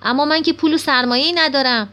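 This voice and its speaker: Woman voicing a curious boy, eager, questioning, higher voice. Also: sharp tone, faint music behind. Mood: earnest. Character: boy narrator-hero, young and curious.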